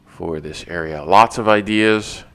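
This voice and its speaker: A deep-voiced man guides listeners through a walking tour in an easygoing, conversational way. He talks as he goes, now and then pausing to correct a word. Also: clean tone. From not from the local area. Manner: relaxed, chatty guide with small restarts. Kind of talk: casual tour narration.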